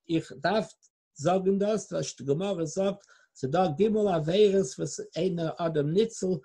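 Slow, husky, emphatic religious teacher. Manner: emphatic, swings from low murmurs to loud bursts. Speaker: Torah teacher. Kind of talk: religious lecture with Hebrew quotations.

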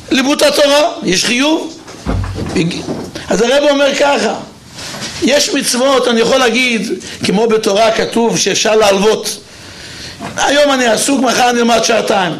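A man's voice: very high voice, pauses often, a bit bright, a little hiss or hum. A man who teaches teenage boys gives an emphatic religious talk on raising children. He tells a personal story, and his voice jumps up on the points he stresses.

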